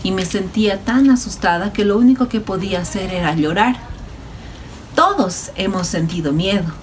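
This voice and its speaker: A woman's voice: medium pitch, normal speed, slight background noise. A woman teaching a Sunday school lesson, speaking animatedly to children. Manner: warm, animated, addresses children.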